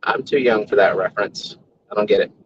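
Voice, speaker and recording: Joking guy cohosting over a call, lowish voice, hissy muffled line. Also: a little fast. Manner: joking, playful. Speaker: co-host. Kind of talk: casual chat. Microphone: video call. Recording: muffled noisy call audio.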